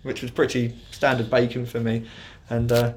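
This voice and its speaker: A man's voice: mid-range voice, completely flat delivery, normal speed, a little mellow, a little hiss or hum. A man chatting on a football podcast, rambling and joking with many hesitations. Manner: rambling and jokey, full of hesitations. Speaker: podcast pundit. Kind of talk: casual football podcast chat.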